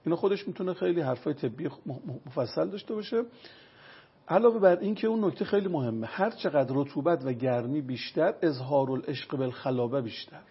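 A man consulting on traditional medicine lectures with everyday examples in an explanatory interview. His gravelly, raspy voice is a little high and expressive, captured in a dull lo-fi recording.

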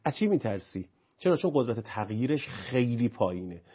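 Man, mid-pitched voice, anger management teacher, rhetorical questions, slightly muffled lo-fi sound. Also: big pitch swings, breathy edge. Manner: rhetorical questions, speaks up and speeds into emphatic lists. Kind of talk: explanatory talk-show conversation.

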